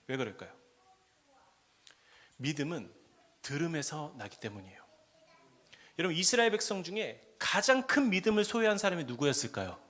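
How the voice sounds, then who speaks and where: A man preaching a sermon at a prayer meeting, asking the congregation questions and swinging between quiet asides and loud, impassioned cries. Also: fairly high pitch.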